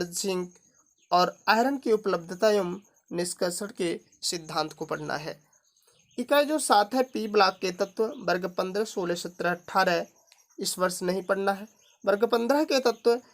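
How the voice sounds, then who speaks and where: A man's voice: sits high, a bit bright. A male teacher reading a course syllabus aloud item by item, adding brief remarks about what to skip. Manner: reads through a long list item by item, adding brief remarks.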